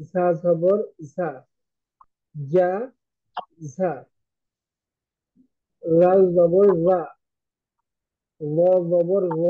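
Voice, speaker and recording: A man reading out his lesson, reciting letter sounds slowly and carefully for his teacher. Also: high-pitched, dry recording, narrow, tinny audio. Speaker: student.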